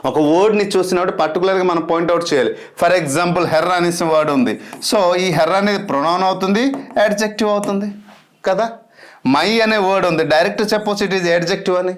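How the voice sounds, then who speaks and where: A man's voice: high-pitched, fast talker. A young man with a Telugu accent lecturing as an exam-prep teacher, emphatic and repeating key words.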